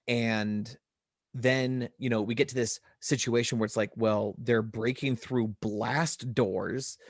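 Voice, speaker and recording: A man in his forties, a podcast co-host, telling an animated story in casual chat and quoting his own thoughts. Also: mid-range voice, no room sound, clean studio sound. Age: 40s.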